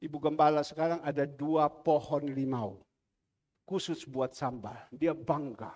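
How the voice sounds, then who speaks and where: A male pastor, preaching a sermon as an animated storyteller who acts out the voices of the people in his stories. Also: fairly high pitch, a little slow. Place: large church hall. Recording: long reverb of a church hall.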